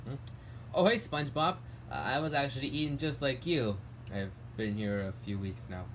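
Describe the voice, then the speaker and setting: Folksy male frog puppet, man acting, mid-pitched, easygoing, hesitant, amateur cartoon parody. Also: expressive, moderate pace, fairly bright tone, natural voice. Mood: casual. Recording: noisy homemade recording.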